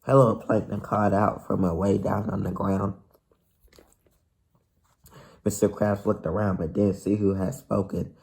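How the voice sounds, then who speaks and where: A man's voice: lowish voice, level tone, normal speed, creaky, a little mellow. A man reading a children's novel aloud who stumbles and restarts now and then. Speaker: reader of a novel.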